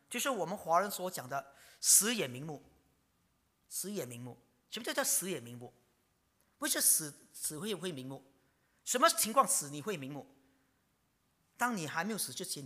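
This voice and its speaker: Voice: medium pitch, pushed and bright. A preacher gives a dramatic sermon, full of rhetorical questions and sudden whispers. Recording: long reverb of a large hall.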